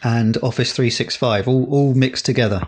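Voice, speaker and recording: A man's voice: medium pitch, moderate pace, slight background noise. A man co-hosting a podcast, chatting casually with frequent fillers and restarts. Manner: rambling, hesitant, many fillers. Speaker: podcast co-host. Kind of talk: casual chat.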